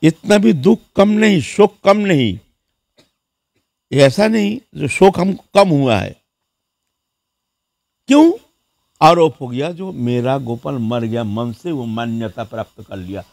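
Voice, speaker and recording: Male monk, sermon storyteller, lively rising and falling delivery, dry close sound. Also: mid-range voice, slow pace, creaky, long pauses, dry recording. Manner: lively storyteller who acts out the people in his story; repeats words and fills with "haan". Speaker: monk preacher.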